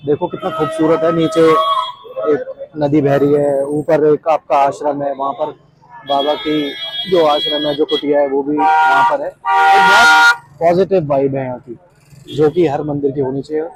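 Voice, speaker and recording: Male travel vlogger, slightly high voice, casual joking narration outdoors on a hill walk. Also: steady tone, unhurried, very noisy. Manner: chatty, joking, storytelling. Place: outdoors on mountain trails and by a river.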